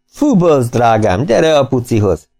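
A man doing a booming, jovial host. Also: big pitch swings, vocal fry, a little mellow, faint music behind. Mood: doting. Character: hearty, generous, overbearing middle-aged male host. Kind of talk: audiobook character voice.

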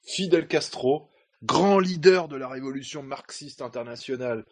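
A man's voice: mid-range voice, moderate pace. A man hosting a casual talk show, introducing segments in a blunt, mocking way with some hesitations. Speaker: host of an online talk show. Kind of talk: casual chat, presenting.

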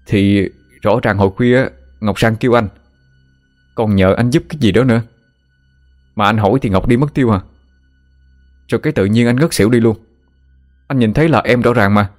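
A man's voice: lowish voice, moderate pace, pauses often, close to an everyday voice. A man voicing a flustered, earnest young man who pleads and explains. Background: faint background music.

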